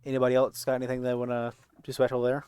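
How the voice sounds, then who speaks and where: A man narrating a tabletop game as game master in a halting, informal, slangy way. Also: mid-range voice, completely flat delivery, a little mellow, clear, resonant tone, dry recording.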